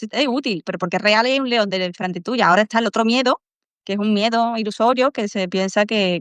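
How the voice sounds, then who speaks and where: Smooth-voiced Andalusian woman, earnest and reflective. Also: mid-range voice, no echo. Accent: Andalusian Spanish. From Málaga, Spain. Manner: earnest, reflective, acts out inner dialogue in soft voices. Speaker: podcast guest. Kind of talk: casual interview chat.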